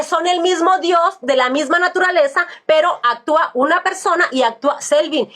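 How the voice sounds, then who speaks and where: A woman with a high voice debates over a remote call. She speaks firmly and straight at her opponent, often teasing him as she argues. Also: fairly bright tone. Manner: firm, addresses opponent directly, teasing. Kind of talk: heated online debate.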